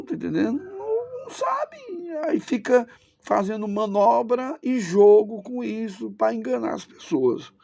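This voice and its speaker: A man's voice: fairly high pitch, vocal fry, darkish tone, dry recording. A man giving a Biblical Greek lesson, opinionated and sarcastic, repeating words for emphasis. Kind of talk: recorded online lesson.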